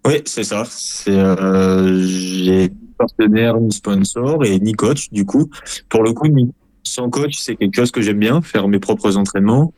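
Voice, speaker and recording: Low dark-voiced man from France. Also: unhurried, no echo. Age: 20s. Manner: hesitant, many fillers and restarts. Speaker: guest, ultra-trail runner. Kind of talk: interview answers.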